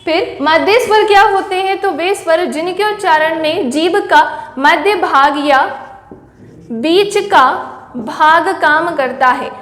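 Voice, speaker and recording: Speaking slowly with a slightly bright tone, a woman Hindi teacher whose voice is very high runs a classroom-style lesson. She asks her listeners question after question and supplies the answers herself, while her voice echoes through a spacious room with long reverb.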